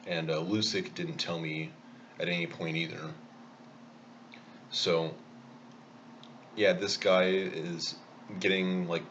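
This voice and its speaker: A man's voice: low voice, fairly bright tone, lo-fi sound, a little hiss or hum. A man telling a rambling, self-mocking story in a casual vlog while eating. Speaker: vlogger.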